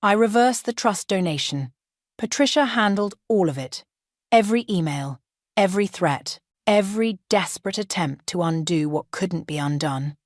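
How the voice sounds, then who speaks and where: Steady low-voiced older woman narrating. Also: normal speed, no room sound, clean studio sound. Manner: steady, calm and resolute. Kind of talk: first-person story narration.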